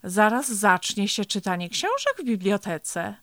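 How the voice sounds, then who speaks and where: A woman voicing a gentle mother turtle who calls out to her son in a coaxing way in a storybook. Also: medium pitch, big pitch swings, unhurried, dry recording, studio quality. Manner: calling out, coaxing.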